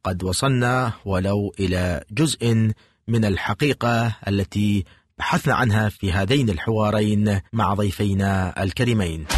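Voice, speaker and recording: A man hosting a radio talk show, putting questions to guests and wrapping up the episode in a formal, measured broadcast manner. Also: on the low side.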